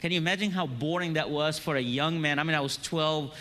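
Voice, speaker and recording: In a hall, a native Arabic speaker from Egypt with an Egyptian accent tells stories earnestly during a seminar, speaking into a handheld or stand mic. He sounds brisk, pushed and bright, at a fairly high pitch.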